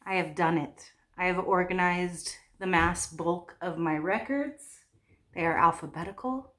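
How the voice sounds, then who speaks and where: A woman's voice: fairly low pitch, unhurried, a bit bright. A woman vlogging from her home in a casual, chatty way, rambling with lots of "like"s. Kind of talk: casual chat to camera.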